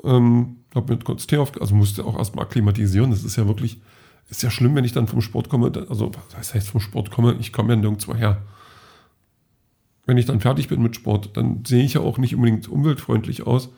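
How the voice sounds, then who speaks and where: Gravelly-voiced man rambling casually. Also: medium pitch, fairly even intonation, brisk, dark tone. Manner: rambling, self-correcting, many fillers. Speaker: vlogger telling about his day. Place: at home.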